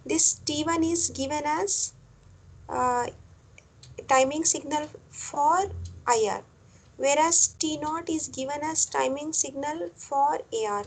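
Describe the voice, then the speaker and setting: A woman lecturer, explaining a technical topic step by step, often repeating phrases and pausing on fillers. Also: high voice, poor audio. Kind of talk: classroom lecture.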